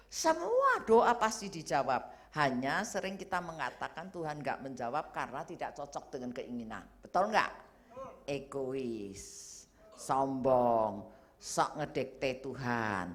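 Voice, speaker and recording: A middle-aged woman evangelist preaching a sermon, telling a personal story with lively swings from loud exclamations to hushed asides, slipping in English phrases. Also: medium pitch.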